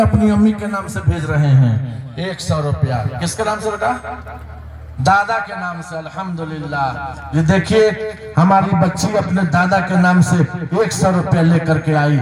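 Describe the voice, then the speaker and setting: A man with a Bhojpuri accent announcing donations at a religious gathering, lively and breaking into loud sung verses. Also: sits high, moderate pace, echoey room. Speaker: madrasa event fundraiser announcer. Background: crowd.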